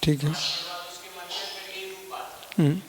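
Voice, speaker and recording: A man's voice: very slow, warm tone. A man, a Jain monk, giving a live scripture lecture and keep prodding listeners with questions. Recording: long hall reverb.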